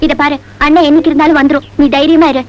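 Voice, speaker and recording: A woman playing a fiery sharp-tongued village girl. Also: high-pitched, little pitch movement, highs cut off, natural voice. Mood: reassuring. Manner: bold, scolding, quick retorts. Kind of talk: Tamil film acting. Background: loud film score.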